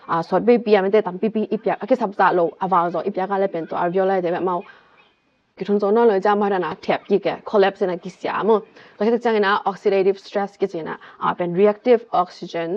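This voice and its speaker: A woman vlogger calmly explaining a health topic, stepping through medical terms one by one. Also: mid-range voice, lo-fi sound.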